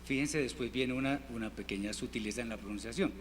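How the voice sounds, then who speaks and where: A man teaching a Hebrew class in Spanish, patiently repeating words slowly for his students. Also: mid-range voice. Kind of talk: classroom language lesson. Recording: reverberant hall, faint room noise.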